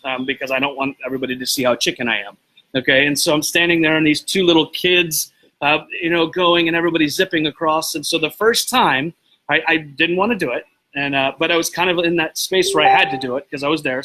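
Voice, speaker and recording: A man hosting a live video show, telling a story to his viewers in a rambling, excitable way and stopping to greet people by name. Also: a little high, rough recording. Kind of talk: casual motivational talk to live viewers.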